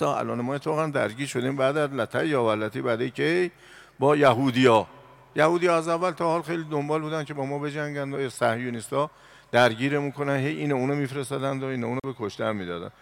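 A man delivers an evening sermon to a gathered audience, his voice gravelly with fry. He swings from loud, emphatic exhortation down to hushed, murmured lines. His pitch sits in an ordinary middle range. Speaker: preacher.

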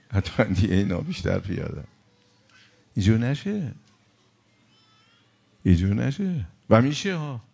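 Male preacher, low voice, gravelly, impassioned sermon, loud then hushed. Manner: impassioned, swings between loud outbursts and hushed storytelling.

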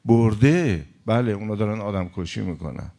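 A man preaching a sermon, passionate, moving between loud outbursts and hushed storytelling. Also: on the low side, expressive, vocal fry.

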